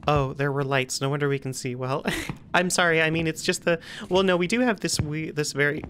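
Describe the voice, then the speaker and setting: A woman's voice: deep voice, brisk, a bit bright, a little hiss or hum. A woman streaming a horror game, chatting and joking playfully to herself as she plays. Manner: playful, jokey, talks to herself while playing. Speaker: gameplay streamer.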